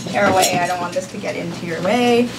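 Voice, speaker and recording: A fast-talking young woman with a lowish, creaky voice teaches a live class as a volunteer language teacher. Originally from Hong Kong with Cantonese as her first language, she hesitates often, dropping ums and light laughs. The recording comes from a far camera in a noisy, echoey classroom.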